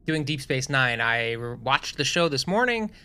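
A man's voice: medium pitch, very animated, normal speed, sharp tone, clear, resonant tone. A young adult man co-hosting a podcast, talking in a rambling, enthusiastic way with lots of restarts. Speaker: podcast co-host. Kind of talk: casual podcast chat.

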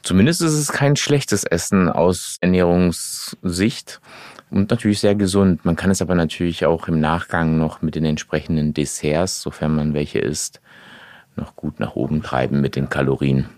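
A man from Portugal, a guest on a podcast, explaining things at length in a relaxed way. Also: low voice, moderate pace, dry recording, clean studio sound. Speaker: podcast guest, magazine editor-in-chief. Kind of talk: casual podcast interview.

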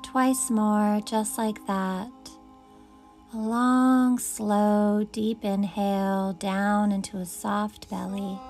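A woman leading a guided meditation, speaking in soft, soothing invitations. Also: mid-range voice, little pitch movement, extremely slow, soft background music.

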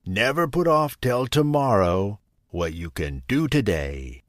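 Guy doing a hungry ogre, slooow drawl, menacing, swoopy pitch, dry sound. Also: big pitch swings, measured pace, no echo. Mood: satisfied.

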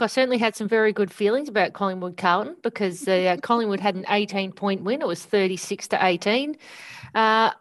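Australian woman, podcast co-host, measured, thoughtful and hesitant. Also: fairly high pitch. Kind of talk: casual podcast chat.

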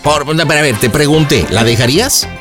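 A man's voice: a little high, a little fast, over music. A man hosting a radio prank show, teasing and playful. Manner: playful, teasing, goes loud when playing the rowdy lover. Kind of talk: radio prank call banter.

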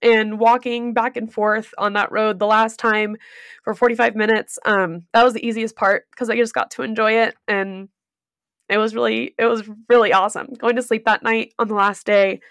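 A woman's voice: fairly high pitch, flat delivery, normal speed, fairly bright tone, smooth, no room sound, studio quality. A woman co-hosting a podcast, telling a heartfelt personal story in a casual, emotional way. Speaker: podcast co-host.

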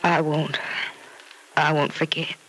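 A woman's voice: low voice, flat delivery, takes it slowly, fairly bright tone, low-quality recording. An actress playing a grief-stricken, despairing young woman patient in a 1940s radio soap opera, with anguished, melodramatic delivery. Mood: sorrowful. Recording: old radio recording with faint noise.

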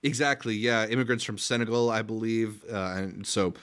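A man co-hosting a casual movie news podcast, explaining things in a measured way. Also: fairly low pitch, steady tone, fairly bright tone. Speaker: podcast co-host.

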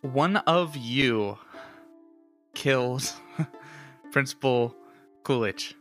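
Guy doing a theatrical detective w/ a mustache, accusing everyone, bright voice, music under it, tabletop rpg. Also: medium pitch, drawn-out words. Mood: dramatic, accusatory. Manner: dramatic accusatory pronouncements. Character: theatrical mustached detective announcing a murder denouement. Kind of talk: improvised tabletop role-play. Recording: background music.

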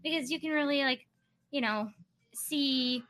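A woman with a high, very bright voice talks casually as an interview guest. She lingers on her s sounds, stretching them out as she goes. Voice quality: drawn-out s sounds. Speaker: interview guest, voice and piano teacher. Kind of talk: casual chat.

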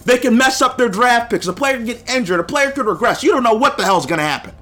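A man's voice: very high voice, expressive, quick pace, bright, forceful tone. Fired-up young man ranting on a podcast. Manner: heated, emphatic, repeats phrases for punch. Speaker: podcast host. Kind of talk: solo sports podcast rant.

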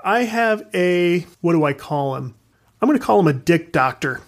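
A fairly high-voiced man rants through a casual podcast monologue. He is frank and animated, laughs as he goes, and swears without a second thought. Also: normal speed. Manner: ranting, frank, swears freely; animated, laughs while talking. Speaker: podcast host.

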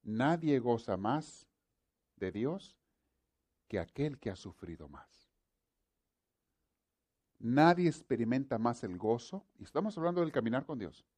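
An earnest male preacher delivers a sermon, circling back over the same points again and again. His voice is warm and mellow, sitting at an ordinary middle pitch. He speaks to his listeners as brothers. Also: very animated, unhurried, pauses often, husky.

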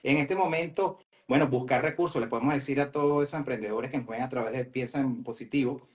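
A man speaking earnestly as a guest in a live interview, steady and motivational. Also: mid-range voice, fast talker. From Venezuela. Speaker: guest entrepreneur.

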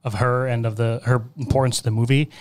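A man's voice: medium pitch, little pitch movement, fast, a little mellow, clean tone. Male panelist, mid-range voice, thoughtful and explanatory in casual film talk. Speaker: podcast panelist. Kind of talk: casual movie discussion.

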